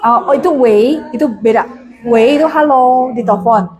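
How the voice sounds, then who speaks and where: A woman teaching Mandarin in an online class, patiently explaining and modeling polite phrases slowly. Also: a little high, darkish tone, rough recording. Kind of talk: online language lesson.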